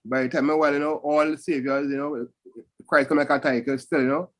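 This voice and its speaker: A man's voice: fairly high pitch, level tone, a little fast, fairly bright tone. A man with a Caribbean accent reasoning in Rasta speech, ending phrases with "you know" and "still" in a casual panel discussion. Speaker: panel speaker.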